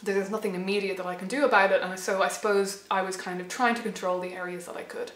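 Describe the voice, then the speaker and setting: Reflective young woman, slightly hoarse. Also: mid-range voice, fairly even intonation, fast talker, fairly bright tone, roomy sound. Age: late 20s to 30. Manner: thoughtful, hesitant, many restarts and fillers. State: losing her voice a little. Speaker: channel host. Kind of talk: reflective personal vlog.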